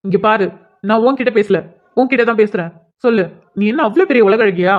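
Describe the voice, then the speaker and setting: A furious older schoolboy in a cartoon, played by a woman, who hurls accusations and harsh threats. The voice is pitched a bit high for a boy. The recording sounds dull. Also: fairly quick, lightly acted. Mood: accusing. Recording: dull lo-fi audio.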